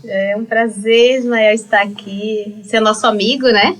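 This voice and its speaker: A woman's voice: fairly high pitch, steady tone, unhurried, fairly bright tone. A middle-aged woman pastor with an Itajaí coastal accent, chatting cheerfully on a podcast and laughing easily. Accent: Itajaí (Santa Catarina coast). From Santa Catarina, Brazil. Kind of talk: casual podcast conversation.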